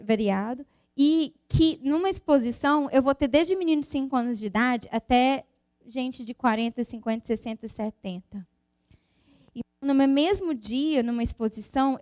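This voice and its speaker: A woman's voice: a little high, clean tone, no room sound. Chatty woman giving a science talk. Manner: chatty, frequent tag questions and restarts; explains with lively everyday examples. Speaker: physicist giving a conference talk. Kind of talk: informal conference presentation.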